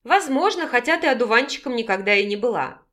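A lively young woman who teases her friend in a brisk way, read by a woman. Her lines run quick and light. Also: a little high.

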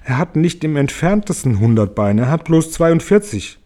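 A man's voice: on the high side, big pitch swings, moderate pace, mellow, pitched above the performer's own voice. A man voicing a dignified, complaining blind earthworm in a read-aloud storybook.

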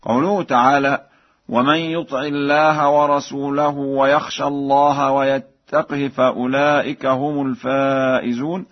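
A man explains recitation rules in a measured way, breaking into slow, melodic chanted examples. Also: medium pitch. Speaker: Quran recitation teacher. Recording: dull lo-fi radio broadcast.

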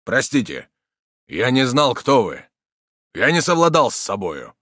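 A man voicing a hot-tempered old soldier in an audiobook, speaking louder and a bit higher than his narration. He is blunt and forceful, with a lively rise and fall. The recording is dry. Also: measured pace, dry recording, exaggerated voice. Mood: restrained. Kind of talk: audiobook character reading.

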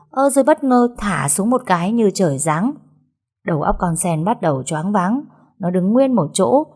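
Casting: woman narrator, animated storybook reading. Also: on the low side. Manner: lively, expressive reading. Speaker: audiobook narrator.

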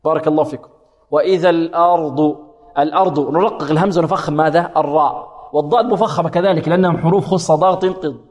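A man teaching Quran recitation rules, asking questions, answering them himself, and drawing words out slowly to demonstrate. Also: on the high side, a little mellow, long reverb tail. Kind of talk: tajweed lesson with demonstrated recitation.

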